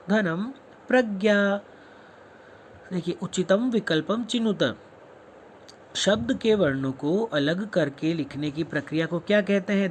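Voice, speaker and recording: High-voiced, slow-paced male teacher. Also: a little hiss or hum. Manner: spells words out sound by sound, asks and answers his own questions. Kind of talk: classroom lesson explanation.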